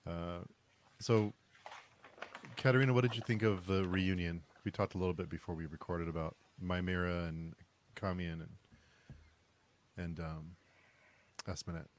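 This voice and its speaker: A man's voice: low-pitched, steady tone, moderate pace, long pauses, a little hiss or hum. A man hosting a casual book podcast, musing aloud in rambling questions with fillers. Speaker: podcast host.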